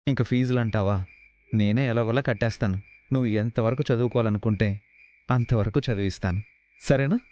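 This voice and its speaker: An actor playing a caring elder brother who speaks gently and reassuringly in a TV drama. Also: male voice, mid-range voice, a little fast, lo-fi sound, lightly acted. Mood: gentle. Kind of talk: television drama acting.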